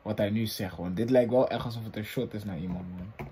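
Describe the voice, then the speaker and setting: A man hosting a reaction video, chatting casually in excitable, slang-heavy street talk that swings from loud bursts to low mumbles. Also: brisk.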